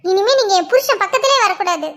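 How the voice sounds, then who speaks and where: Give me a woman playing a furious young cartoon wife with a very high voice, scornful and accusing. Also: expressive, fast talker, fairly bright tone. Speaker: cartoon character voice. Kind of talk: cartoon drama dialogue.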